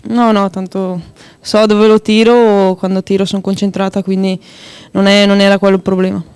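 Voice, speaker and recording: A young woman, a football player in a post-match interview, answering calmly and matter-of-factly into a handheld mic. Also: medium pitch, normal speed, clear, resonant tone, dry recording. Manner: calm, matter-of-fact. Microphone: handheld mic held by interviewer.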